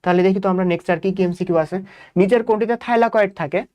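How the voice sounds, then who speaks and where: A young Bangladeshi man with a Bangladeshi Bengali accent tutors students through exam questions at a brisk clip. He repeats key points and keeps firing rhetorical questions at his class. His voice is recorded close and dry, with no room sound. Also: sits high, a little mellow, no echo. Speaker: biology tutor. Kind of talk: exam-prep lecture.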